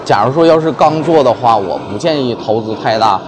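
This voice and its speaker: A man's voice: mid-range voice, expressive, brisk, noisy background. A man from China giving casual interview answers as a small business owner, thinking aloud. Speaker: milk tea shop owner being interviewed. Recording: busy crowd chatter behind.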